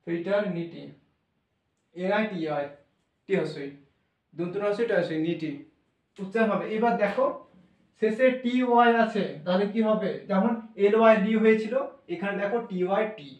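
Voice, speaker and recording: High-voiced man teaching, echoey room. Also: brisk, recorded from a distance. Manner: spells words out letter by letter, repeats and self-corrects. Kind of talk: classroom lesson explaining English pronunciation.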